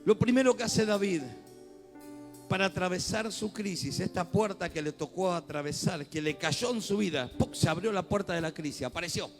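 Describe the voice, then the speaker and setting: A man's voice: high voice, moderate pace, faint music behind. A man with a Rioplatense accent preaching a sermon as pastor in a church, talking conversationally and building to fervent swells. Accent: Rioplatense Spanish.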